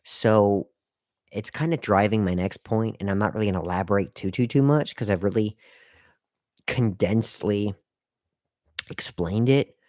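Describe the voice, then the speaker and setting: A man's voice: fairly low pitch, moderate pace, long pauses, a little mellow, no room sound, clean studio sound. A man hosting a live stream and giving casual career advice to viewers in a rambling, repetitive way, often talking straight to the chat. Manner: rambling, repeats himself, talks straight to the chat; hiccuping and burping at times.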